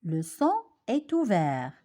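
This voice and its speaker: A woman teaching French pronunciation, who says each word clearly and deliberately and repeats it, as in a spoken language lesson. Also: sits low, big pitch swings, warm tone.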